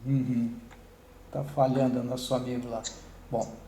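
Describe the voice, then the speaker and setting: A man's voice: mid-range voice, flat delivery, moderate pace, mellow, echoey room, slight background noise. A man coordinating an online meeting, talking casually with many restarts and tag questions.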